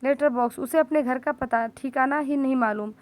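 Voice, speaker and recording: A woman's voice: sits high, moderate pace. Woman reading a class play aloud. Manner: reads the play aloud, giving each character's line in turn. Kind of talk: classroom reading of a play, voicing each part.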